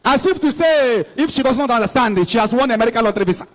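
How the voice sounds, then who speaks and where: A Nigerian evangelist in his thirties preaches at an outdoor church rally, exhorting a large crowd from a stage. His very high voice is animated and rapid-fire as he switches between Igbo and English into a handheld mic.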